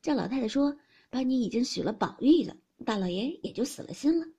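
A woman voicing a gentle young maidservant who teases lightly in a half-whispered tone, with a husky, breathy voice. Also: on the high side, expressive, brisk. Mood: teasing.

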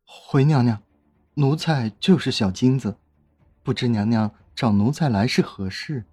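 Man voicing a frightened eunuch servant, husky, bowing and humble, dry sound. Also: mid-range voice, a little slow, warm tone, no echo. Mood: fearful. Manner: fearful, deferential. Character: timid palace eunuch servant.

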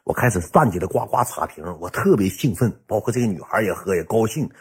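A man's voice: fairly low pitch, animated, fast, husky. A man in his thirties with a Northeastern Mandarin accent, a streamer telling a coarse, swearing story. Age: 30s. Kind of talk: casual storytelling.

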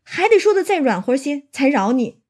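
A woman's voice: high voice, very animated, moderate pace, a little mellow, pitched above the performer's own voice. A woman voicing a stern young swordsman who mocks and commands a beaten bully in a retold classic story. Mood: cold scorn. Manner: cold, mocking, commanding.

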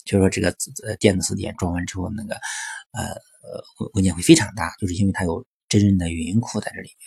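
Man, low gravelly voice, dry close sound, chatty teacher monologue full of filler particles. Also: fairly even intonation, fast talker, a little mellow, no echo. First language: Chinese. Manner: chatty, frequent filler particles and rhetorical questions. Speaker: English teaching commentator. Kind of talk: explanatory monologue.

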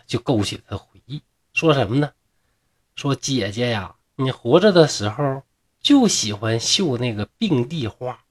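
An earnest little boy in a spoken ghost story, told in a man's own voice, relaying messages plainly. The delivery swings widely in pitch.

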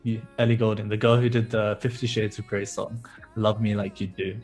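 A man's voice: on the low side, little pitch movement, a little fast, a little mellow, slightly rough, soft background music. A man in casual podcast chat, talkative and full of "like", laughing easily. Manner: chatty, fills speech with "like", laughs easily.

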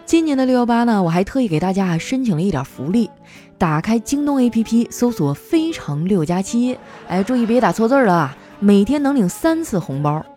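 Animated chatty woman telling funny stories. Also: mid-range voice, brisk. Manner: chatty, playful, acts out quoted coworkers. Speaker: host. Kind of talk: comic storytelling monologue. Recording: faint background music.

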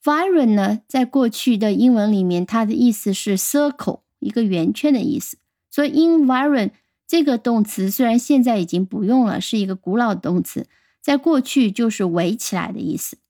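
A woman giving a radio vocabulary lesson, pronouncing words slowly and carefully and spelling them out letter by letter. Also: fairly high pitch, lively intonation, mellow, no room sound, studio quality. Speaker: English vocabulary teacher.

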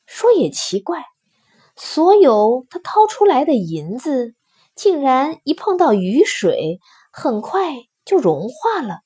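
A woman reading a folk tale aloud in an expressive storytelling manner. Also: high voice, slow.

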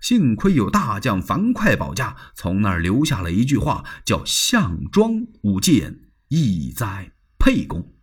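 A man's voice: on the low side, wildly swooping pitch, moderate pace, hardly any pauses, breathy edge, full character voice. A male storyteller voicing a scheming, commanding warlord chancellor, speaking in an expansive, knowing way.

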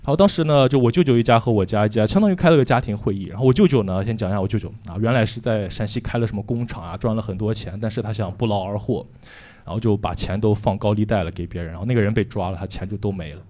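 Talking very fast in a lowish, mellow voice, this young Shanxi comedian rambles through a candid, self-deprecating stand-up routine loaded with filler words.

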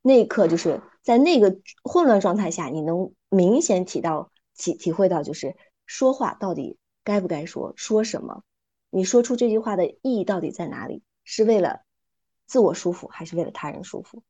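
Mom on a podcast, mellow warm voice, calm and thoughtful, tells stories. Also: female voice, mid-range voice, brisk, slightly rough. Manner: calm, thoughtful, retells stories with light acting. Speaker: podcast guest. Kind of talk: reflective casual chat with storytelling.

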